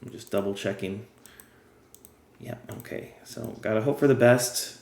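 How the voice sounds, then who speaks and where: Slightly low man with a fading voice. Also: a little slow, a little mellow, reverberant. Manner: chatty, explains step by step while playing. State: losing his voice. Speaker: game guide creator. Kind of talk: casual gameplay tutorial.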